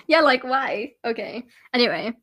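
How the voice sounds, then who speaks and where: Young british woman on a podcast, really high voice, jokey and teasing, laughs all the time. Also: bright, forceful tone, breathy edge. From Britain. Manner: playful and teasing, laughs often. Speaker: podcast co-host. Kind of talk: casual chat.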